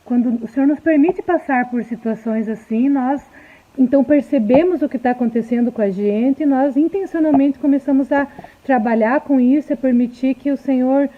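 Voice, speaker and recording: A woman talking in a soft, reflective way in a casual live stream, recorded on a phone indoors. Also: high voice, moderate pace. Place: indoor room at home. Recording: tinny phone livestream.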